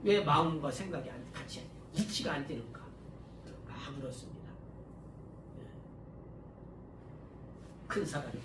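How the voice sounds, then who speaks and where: Speaking at a moderate pace with long pauses, a pastor with a slightly high voice and lively intonation gives a conversational sermon, frequently seeking the congregation's agreement. He restarts and uses fillers often, and his volume occasionally surges. The church hall recording is echoey and distant-miked, with a faint background hum.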